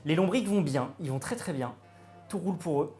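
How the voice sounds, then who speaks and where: A man chatting excitedly with viewers while he cooks live, greeting and thanking them as he goes. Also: fairly high pitch, fairly quick, faint music behind. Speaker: cooking streamer. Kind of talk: live-streamed cooking chat.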